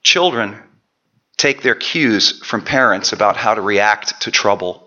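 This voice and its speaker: Male preacher, wry storyteller, bright forceful tone; dull lo-fi church recording. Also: on the low side, measured pace. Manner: storytelling, self-deprecating, chatty asides. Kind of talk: sermon with personal story.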